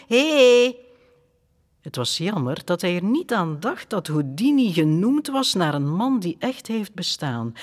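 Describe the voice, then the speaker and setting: A man narrating a children's story audiobook in a calm, expressive storytelling manner. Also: sits high.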